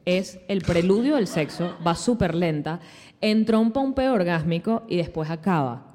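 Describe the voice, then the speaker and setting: A woman's voice: on the low side, lively intonation, normal speed, warm tone. A Venezuelan woman co-hosting a casual podcast chat, blunt and profane, laughing often. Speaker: podcast co-host. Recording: echoey room reverb.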